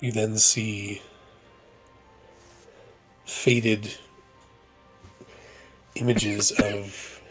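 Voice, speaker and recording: A man narrating a tabletop game as game master, in slow, measured descriptive narration over faint music. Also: on the low side, level tone.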